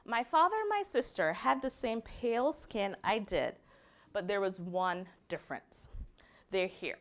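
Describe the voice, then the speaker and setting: A young adult woman from Barbados gives a prepared personal talk in an expressive, medium-pitched voice with a Barbadian accent. She slows down to stress key words.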